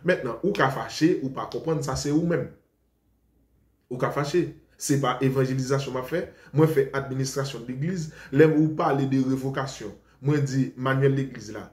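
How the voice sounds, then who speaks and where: A Haitian man preaches informally to his followers in a roomy, echoing space. His voice is medium-pitched, a little mellow and at a normal pace, and his manner is rambling and defensive as he switches between Creole and French.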